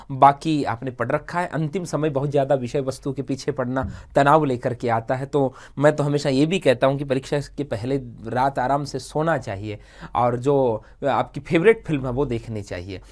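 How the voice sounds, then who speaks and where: A man coaching exam candidates in a live talk, animated and repetitive, often checking in with "okay". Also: medium pitch. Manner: animated, repetitive, frequent "thik hai" checks. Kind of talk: motivational exam advice talk. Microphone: livestream setup.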